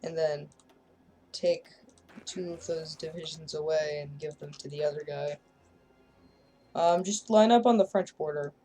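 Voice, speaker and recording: A woman casually commenting on her own strategy gameplay, joking and sarcastic, often trailing off quietly at line ends. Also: deep voice, a little slow, pauses often, soft background music. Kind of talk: casual let's-play commentary.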